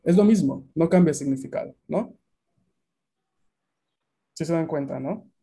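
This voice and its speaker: A man's voice: on the high side, unhurried, warm tone, slightly rough. A Latin American man teaching a beginner language class over a video call, explaining at length and often checking that students follow.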